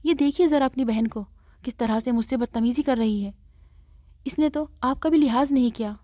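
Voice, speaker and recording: Woman reading as a nasty bossy sister-in-law, harsh and accusing, warm highish voice. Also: no echo, studio quality, close to an everyday voice. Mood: indignant. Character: scolding sharp-tongued sister-in-law woman.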